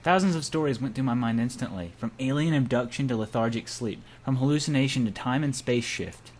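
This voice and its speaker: This amateur voice-over player, part of a group, reads a visual novel's narration aloud and makes casual small talk in between. His voice is mid-range and darkish, fairly quick, and he trips over words, all on a noisy home recording.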